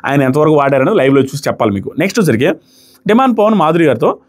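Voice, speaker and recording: A man gives casual, animated commentary on a reality show, acting out the contestants' lines. His pitch is fairly high and he races along.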